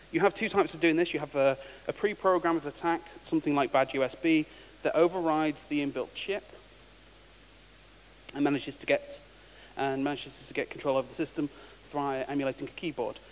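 A man's voice: on the high side, steady tone, moderate pace. A man giving a technical conference talk, casual and wry, often restarting words. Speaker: conference speaker. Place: large conference hall. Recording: reverberant hall with faint hiss.

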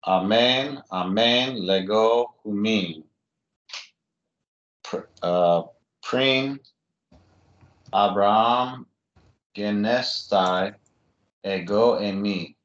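Slow man reading from across a room. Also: lowish voice, fairly bright tone, roomy sound, lo-fi sound. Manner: slow, careful reading of Greek with a translation.

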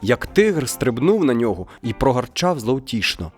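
Man, storyteller, expressive folk-tale narration, lively intonation, faint music behind. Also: mid-range voice, moderate pace, breathy edge. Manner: expressive, animated. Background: soft music.

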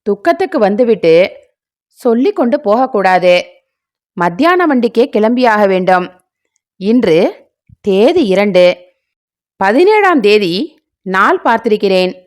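Woman voicing a stern older man, commanding, curt, unhurried. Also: sits high, very animated. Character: stern, domineering older man, father-in-law.

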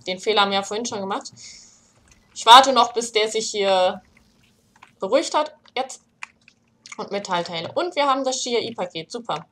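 A young woman hosting a let's play, commenting casually and shouting in panic when things get scary. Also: mid-range voice, moderate pace, long pauses, slight background noise. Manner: excitable, panicky shouting during scares.

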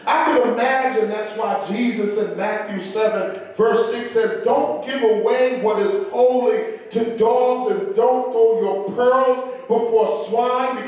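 Male pastor, middle-aged, high voice, slow measured sermon delivery, big church echo. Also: a little mellow. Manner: slow, measured preaching with lilting emphasis. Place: large church sanctuary. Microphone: handheld microphone at pulpit. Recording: very echoey church hall.

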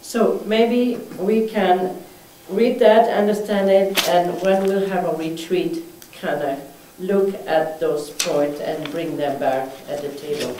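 A woman mayor chairing a town council meeting, moving briskly through agenda items in a council chamber. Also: fairly low pitch, fairly even intonation. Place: council chamber, indoors, mid-sized room. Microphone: far room mic. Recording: echoey room, distant mic, faint hiss.

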